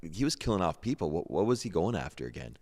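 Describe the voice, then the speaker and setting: A man's voice: low-pitched, big pitch swings, quick pace, a little mellow, big-room sound. A man hosting a podcast interview, asking curious questions and reacting often with short remarks. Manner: curious, repeats words, lots of short reactions. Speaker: podcast host. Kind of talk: conversational interview.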